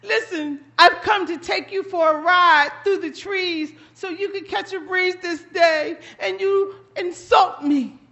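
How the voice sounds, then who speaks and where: Lady doing a sneaky buzzard guy, sweet-talking and loud, real high voice. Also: measured pace, few pauses, dull audio, full character voice. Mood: offended. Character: sly, greedy male buzzard, smooth-talking trickster.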